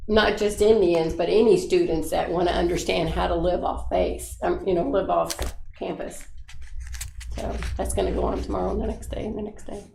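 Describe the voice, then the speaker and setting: Gravelly, lowish-voiced woman. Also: steady tone, normal speed, mellow. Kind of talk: informal explanation in a meeting. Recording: echoey room, clear background noise.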